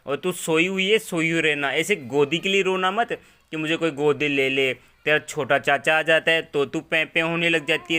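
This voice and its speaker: A man's voice: a little high, sharp tone, clear, resonant tone. A father giving his infant daughter a playful mock scolding, lecturing her with one rhetorical question after another.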